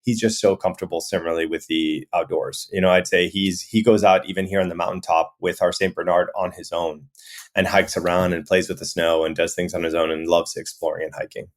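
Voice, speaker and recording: A man in his thirties from Miami, a guest in an interview, talking in a relaxed way full of "you know" fillers. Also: sits low, fairly quick. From Miami, USA. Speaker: guest, resort owner. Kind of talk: conversational interview.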